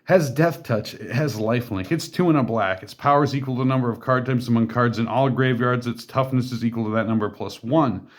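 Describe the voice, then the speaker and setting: A man walks through a card game deck casually, reading each card's text aloud and then riffing with asides and fillers. His voice sits at an ordinary middle pitch. He talks briskly, barely pausing.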